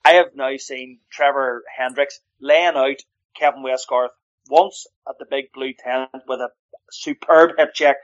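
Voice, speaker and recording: A hockey commentator makes his points with force and repeats them for emphasis. His voice sits in a middle pitch. The recording sounds dull and muffled. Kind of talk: casual sports chat.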